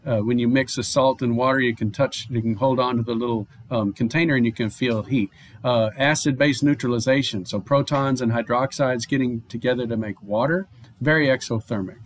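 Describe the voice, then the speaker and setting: A male chemistry professor records an online lecture from a home or office, explaining at a steady pace. His voice sits at a medium pitch, and he uses fillers, restarts, and "okay?" checks. There's a faint hiss or hum on the recording.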